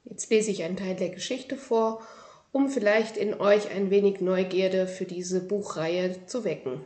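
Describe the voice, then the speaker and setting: A woman presenting a children's book series and reading from it aloud, in a calm, clear, measured way. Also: mid-range voice.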